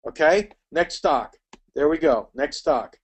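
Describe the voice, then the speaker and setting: Middle-aged male webinar instructor, slightly high voice, rapid and chatty. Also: animated, husky. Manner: quick, chatty, addresses attendees by name. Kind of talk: live webinar teaching.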